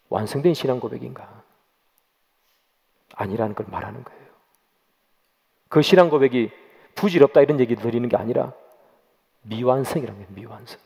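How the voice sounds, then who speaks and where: A man's voice: mid-range voice, creaky, a little mellow, husky. A man preaching a sermon as pastor, dramatic and questioning the congregation, acting out quoted voices. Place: church sanctuary. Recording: long church reverb.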